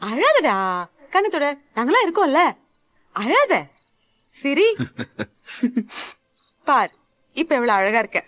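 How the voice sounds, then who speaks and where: A woman's voice: sits high, sing-song, unhurried, long pauses, fairly bright tone, no room sound, full character voice. A woman voicing a caring woman who coaxes a crying young man to smile in a dubbed serial. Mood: coaxing. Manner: coaxing, cheerful, soothing.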